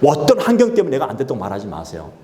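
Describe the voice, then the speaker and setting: A man's voice: mid-range voice, wildly swooping pitch, racing, mellow. A male pastor delivering a sermon and calling on the congregation to respond. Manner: exhorting, calls for congregation responses. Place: church sanctuary. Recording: echoey church sanctuary.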